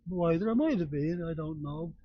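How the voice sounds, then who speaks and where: An older man speaks in a Dublin accent, his voice a bit high for a man. He reminisces casually and haltingly, often trailing off. The sound is close and dry, though somewhat dull. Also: animated, no room sound. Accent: Dublin Irish. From Dublin, Ireland. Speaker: local resident being interviewed.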